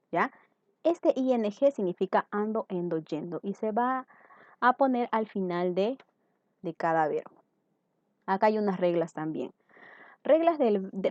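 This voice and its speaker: A woman's voice: medium pitch, a little mellow, no room sound. A woman English teacher giving a recorded grammar lesson, patient and repetitive, often checking that her students follow. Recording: dull, dry lo-fi recording.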